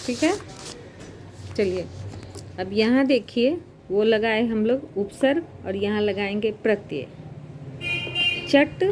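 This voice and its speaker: A woman teacher giving a grammar lesson, slowly spelling out words piece by piece and repeating them for her students. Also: medium pitch, a little mellow, slight background noise. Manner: slow, spelling out words syllable by syllable.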